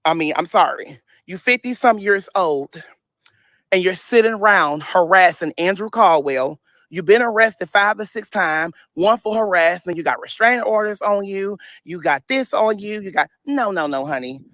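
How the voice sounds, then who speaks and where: This social media personality, a thirtysomething man from St. Louis, has a high voice with lively intonation, a somewhat bright quality and normal speed, recorded without echo. He has a speech impediment and delivers an emphatic, repetitive, casual livestream-style rant in a vlog, laughing a lot as he talks.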